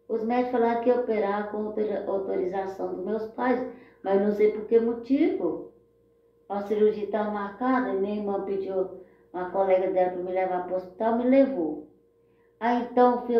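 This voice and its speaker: A woman with a Brazilian Portuguese accent telling a personal story in a heartfelt way, often turning to her listeners. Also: mid-range voice. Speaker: storyteller sharing her life. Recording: very echoey, dull lo-fi sound.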